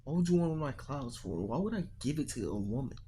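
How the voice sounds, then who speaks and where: A man's voice: medium pitch, very animated, fast talker, dark tone, a little hiss or hum, natural voice. A man voicing a petty, grumpy young man who scorns women, blunt and profane, in a fan-made story reading.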